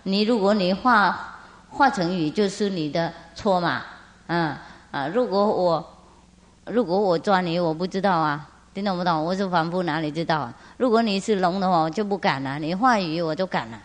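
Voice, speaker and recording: A woman's voice: fairly low pitch, normal speed, lightly acted. A woman voicing an ordinary male fisherman who argues plainly in his own defense. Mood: defensive. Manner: matter-of-fact, reasoning. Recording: long hall reverb.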